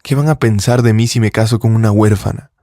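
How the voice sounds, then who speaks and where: A rich, arrogant businessman with a low, mellow voice, played by a male storyteller. He talks down to others in a dismissive, controlling way. The sound is dry and close. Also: steady tone, fairly quick, no echo, natural voice. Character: rich, cold, arrogant young businessman fiancé.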